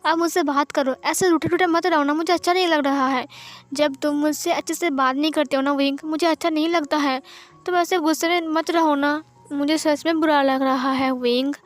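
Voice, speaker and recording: A woman's voice: sits high, fairly even intonation, normal speed, natural voice. A woman doing a tearful young man pleading. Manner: soft, pleading.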